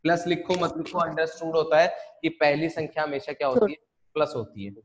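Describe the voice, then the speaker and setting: A man's voice: on the high side, a little fast, gravelly, slight background noise. A man teaching a math lesson online, explaining step by step and often asking the class questions he then answers himself.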